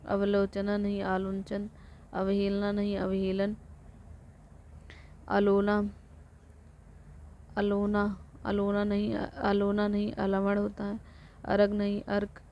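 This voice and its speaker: Female tutor drilling exam word lists in a very flat voice; muffled recording. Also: mid-range voice, slow, pauses often. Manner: flat rote recitation, corrects herself. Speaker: teacher. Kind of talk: reciting exam vocabulary lists. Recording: dull lo-fi recording with faint noise.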